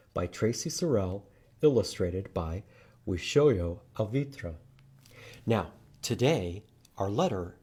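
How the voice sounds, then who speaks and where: A man with a low-ish, slightly mellow voice and a breathy edge hosts children's storytime at a library. He reads aloud and teaches letters to his young audience in short, simple phrases, emphasizing them in a sing-song way.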